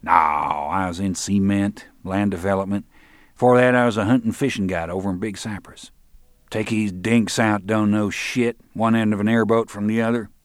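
A man's voice: fairly low pitch, steady tone, normal speed, no echo, clean studio sound, close to an everyday voice. A man voicing a crude, boastful middle-aged swamp guide with a drawl and profane talk.

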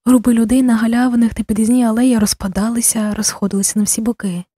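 Mellow, breathy woman narrator. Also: fairly high pitch, flat delivery, quick pace, no echo, studio quality. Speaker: audiobook narrator. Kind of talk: audiobook narration.

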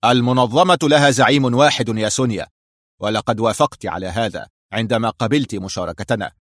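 A man's voice: medium pitch, fast, no echo, clean studio sound, close to an everyday voice. A man voicing a stern male crime boss who gives clipped, cold orders.

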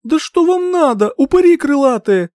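A man reading an audiobook, voicing a blunt, hot-tempered young woman who shouts her lines in a shrill voice. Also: wildly swooping pitch, unhurried, no room sound, clean studio sound. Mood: furious shouting.

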